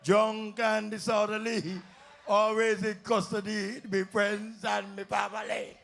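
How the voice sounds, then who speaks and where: A comedian from St Kitts emcees a live calypso tent stage, teasing the audience with banter in his Kittitian accent. He speaks in a high, gravelly, fairly bright monotone at a measured pace.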